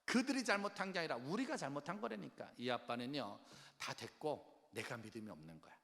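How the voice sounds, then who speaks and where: A man preaching a revival sermon as pastor, swinging between loud exhortation and quiet low lines and firing questions at the congregation. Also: expressive, brisk, gravelly. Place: large church worship hall. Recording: long church hall reverb.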